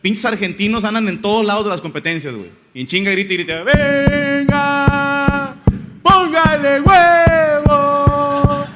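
A man's voice: high voice, animated, fast talker, hardly any pauses, over loud music. A young man from Monterrey, doing a rambling, crude stand-up monologue full of slang. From Monterrey, Mexico. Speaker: comedian.

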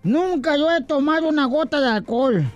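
A man with a fairly high voice banters and jokes on a radio comedy show. He teases his co-hosts with rough slang, in a rowdy, joking way. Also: a little fast, highs cut off, faint music behind. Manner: rowdy, teasing, crude slang.

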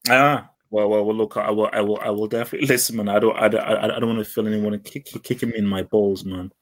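A Nigerian man with a Nigerian accent co-hosts a casual football podcast, blunt and animated, often repeating words as he builds momentum. His voice is lowish and fast.

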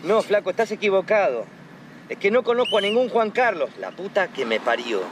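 An actor playing a fast-talking Argentine son with a hustler's patter, quick and exasperated. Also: male voice, medium pitch, lively intonation, lightly acted. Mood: ranting. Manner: rapid, wheeling-dealing, exasperated. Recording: film scene with road noise.

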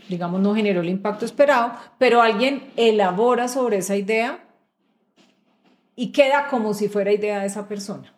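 A middle-aged woman speaks as a guest in a relaxed interview. Her pitch sits in a mid range for a woman. She explains her points patiently and keeps checking that the listener is following. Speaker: guest executive. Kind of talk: conversational interview.

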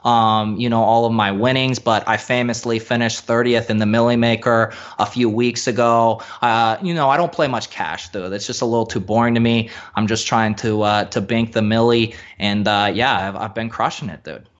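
A man's voice: lowish voice, fairly even intonation, normal speed, few pauses, natural voice. A man voicing a cocky, boastful young male fantasy sports bro who calls everyone dude, recorded with a slightly dull lo-fi sound.

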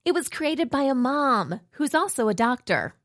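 A woman giving a chatty, expressive read of a scripted commercial. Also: high-pitched, moderate pace, no room sound, studio quality. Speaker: ad reader.

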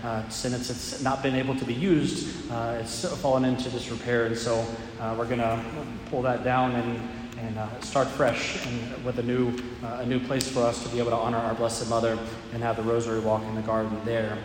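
A man's voice: mid-range voice, flat delivery, normal speed. An American man speaking as a priest at Mass, his voice ringing with a cathedral-like echo. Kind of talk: liturgical reading, church announcements and sermon. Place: large church interior. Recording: very echoey church, long reverb, faint noise.

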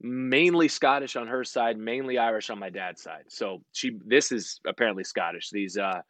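A man's voice: mid-range voice, moderate pace, fairly bright tone, no echo. A man of forty, a sports broadcaster guesting on a podcast, talking in a rambling, tangential way and laughing often. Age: 40s. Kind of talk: casual chat.

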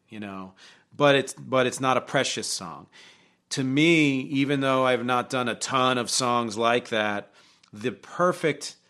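This music show host, not from Glasgow, has a fairly low, sharp-toned voice as he casually reflects on songs for the camera and poses questions to the people watching.

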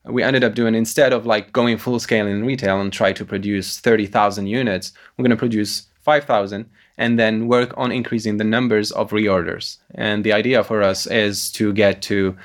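A man founder pitching his company to investors, answering in a hesitant, halting way with many fillers. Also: fairly even intonation. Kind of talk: business pitch conversation.

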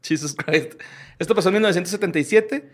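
A man's voice: high-pitched, fairly even intonation, racing. A Mexican-accented man hosting a casual chat, telling odd stories in an informal, slangy, profane way. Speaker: podcast host.

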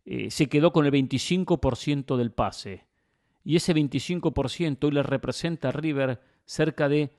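A man's voice: mid-range voice, a little mellow, no echo, clean studio sound. A man giving opinionated football commentary as a host, emphatic and fond of rhetorical questions and repetition.

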